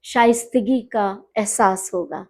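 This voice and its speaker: A middle-aged woman speaking as an interview guest, teacherly and measured, stressing and repeating words to correct pronunciation. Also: mid-range voice, steady tone. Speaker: guest, newspaper editor and poet. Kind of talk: podcast interview conversation.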